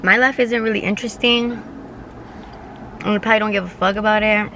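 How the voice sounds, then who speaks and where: A woman's voice: mid-range voice, fairly even intonation, moderate pace, sharp tone, slight background noise. A young woman in her twenties chatting casually while she eats in a parked car, rambling through a story with lots of fillers and easy swearing. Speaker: vlogger. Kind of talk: casual mukbang storytime chat.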